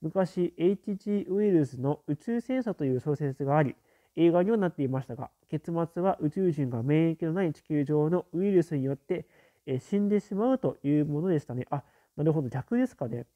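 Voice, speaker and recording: Mellow man musing through chat comments. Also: fairly high pitch, lively intonation, fairly quick, highs cut off. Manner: musing, filler-heavy, frequent murmured "un" acknowledgements. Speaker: live streamer reading viewer comments. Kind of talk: casual live-stream chat.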